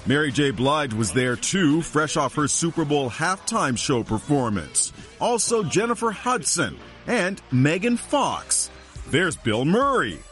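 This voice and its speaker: A man narrating an entertainment news story in an upbeat, lively scripted voice. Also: on the high side, a little slow. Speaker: correspondent. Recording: loud music bed.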